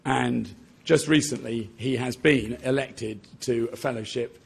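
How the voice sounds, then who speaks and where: A man chairing an event in a lecture hall, giving a measured formal introduction of a guest speaker into a podium microphone. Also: medium pitch, steady tone, vocal fry, slightly rough. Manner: measured, reads out achievements, slight hesitations.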